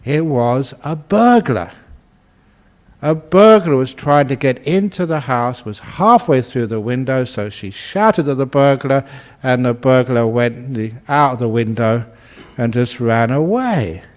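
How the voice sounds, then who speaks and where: A man who is a Buddhist monk, giving a dharma talk and telling anecdotes in an unhurried way with gentle humour. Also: mid-range voice, lively intonation.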